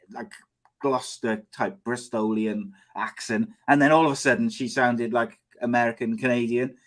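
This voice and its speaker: A man's voice: mid-range voice, fairly bright tone, rough recording. A man with a Cardiff Welsh accent, chatting and bantering casually as host of a sports podcast. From Cardiff, Wales.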